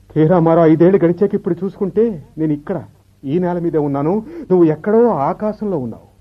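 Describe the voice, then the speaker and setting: An actor playing a bitter, reproachful husband in an old radio show, speaking slowly and reflectively, with the dull sound of a vintage radio broadcast. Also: male voice, on the high side. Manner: slow, reproachful, reflective speech. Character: bitter middle-aged husband, a clerk left behind. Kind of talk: 1970s radio drama acting.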